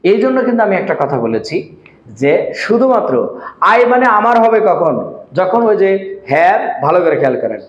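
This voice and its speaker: High-voiced man teaching in an echoey room. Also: big pitch swings, moderate pace. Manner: repeats points and quizzes the viewer with questions. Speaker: English teacher. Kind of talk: spoken-language lesson. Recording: echoey room, dull lo-fi sound.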